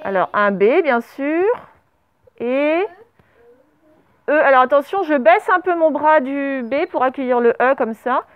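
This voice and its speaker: A woman's voice: sits high, animated, unhurried, no echo. A woman primary school teacher giving a spelling dictation, drawing out each syllable and spelling the letters aloud through a face mask. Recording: narrow phone-like sound. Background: traffic noise through open doors.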